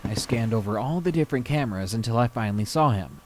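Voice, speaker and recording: A man reading a scary true story aloud with slow, dramatic pacing. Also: medium pitch, expressive, slight background noise. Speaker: story reader.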